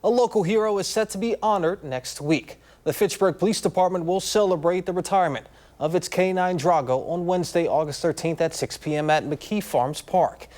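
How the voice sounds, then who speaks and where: A man's voice: sits high, a little fast, a little mellow. A man anchoring an evening TV newscast from a studio, upbeat, with casual asides. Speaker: news anchor. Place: TV news studio.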